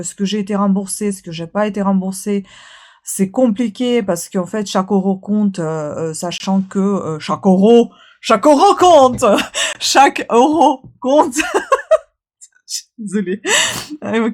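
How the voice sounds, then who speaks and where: A woman's voice: mid-range voice, darkish tone. A tired woman vlogger chatting casually, rambling with many fillers and restarts. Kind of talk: casual vlog chat.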